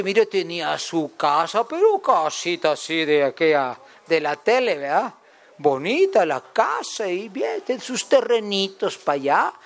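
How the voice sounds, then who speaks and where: A man's voice: sits high, a bit bright. A man with a Guatemalan accent preaching a folksy sermon in a chatty way, telling stories, joking and asking the congregation questions. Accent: Guatemalan Spanish. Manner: chatty, jokes with the congregation, asks them questions.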